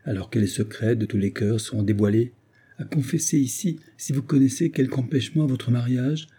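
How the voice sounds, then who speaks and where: A man's voice: mid-range voice, fairly even intonation, fairly quick, dark tone, slightly rough, lightly acted. A man reading an audiobook and voicing a grave parish priest who speaks in a solemn exhortation.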